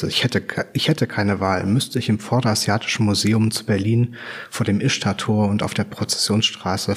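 Husky-voiced male radio host. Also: fairly low pitch. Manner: formal, measured, with many fillers. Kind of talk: radio interview. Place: glass radio studio.

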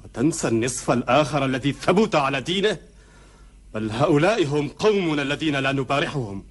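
Casting: male actor as devout desert chieftain for a historical epic, mid-pitched, firm, declamatory, admonishing. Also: expressive, a little fast, lightly acted. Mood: indignant. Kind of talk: historical epic TV drama acting in formal Classical Arabic.

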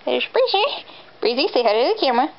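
A high-voiced woman giggles and chats while she is being tickled, and her pitch leaps all over the place. She is filming a casual home video in a room at home. The sound is old camcorder audio from the camera's built-in mic, dull and lo-fi with a faint hiss underneath. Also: big pitch swings, quick pace.

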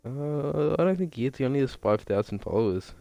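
A man's voice: medium pitch, expressive, fairly quick, gravelly, warm tone, no echo, faint music behind. A teenage boy chatting over voice chat while gaming, quizzical and full of questions. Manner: quizzical, keeps asking questions.

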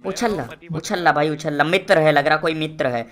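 A man's voice: on the high side, moderate pace. A young man giving live gameplay commentary, boastful and swearing at opponents while calling out to teammates. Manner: excitable, shouting out calls to teammates. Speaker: gaming streamer.

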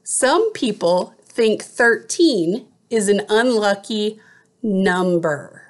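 A middle-aged woman teacher giving a slow school spelling dictation, enunciating deliberately word by word. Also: medium pitch, expressive. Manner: deliberate enunciation, word repeated after an example sentence. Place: small room at home, indoors.

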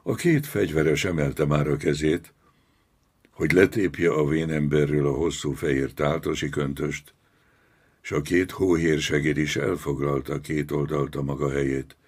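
A man narrating a novel as an audiobook, measured and dramatic. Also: extremely low pitch, husky. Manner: slow, measured, dramatic storytelling.

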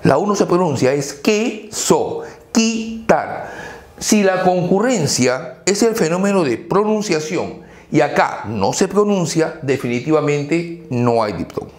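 A man's voice: a little high, expressive, normal speed. A man teaching a language lesson for entrance exams, drilling examples and answering his own questions. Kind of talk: exam-prep lecture. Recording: echoey room.

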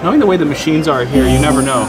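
Low-voiced woman, casual gambling chat. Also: animated, racing, poor audio. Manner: brief remarks, calling out amounts. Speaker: slot machine playing partner. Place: indoor casino floor beside slot machines. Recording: loud slot machine music behind voice. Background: loud machine music.

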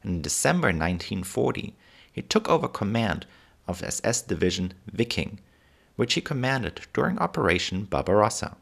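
A man's voice: lowish voice, sing-song, normal speed, vocal fry, a bit bright, breathy edge. A man with a German accent narrating history from a script as channel host, pronouncing w as v.

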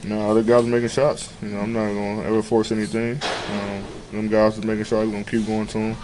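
Low, flat-voiced young man in a scrum. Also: fast, noisy background. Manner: low-key, flat, many "you know" fillers. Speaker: basketball player. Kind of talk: postgame media interview. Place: locker room, indoors. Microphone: handheld reporter mics close to face.

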